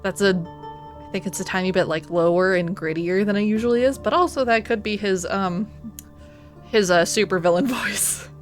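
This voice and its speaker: A woman's voice: medium pitch, normal speed. Woman game streamer over faint music. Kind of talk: live game stream, reading story text and commenting.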